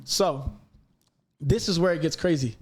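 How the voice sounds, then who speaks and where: A man talking as a podcast guest, telling a story in an animated, emphatic way and swearing freely. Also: a little high, a little slow. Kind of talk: casual storytelling chat.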